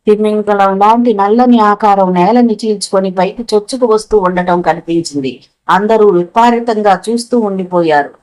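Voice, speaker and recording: A woman narrating a novel as an audiobook, with a dramatic, expressive reading. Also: mid-range voice, moderate pace, low-quality recording.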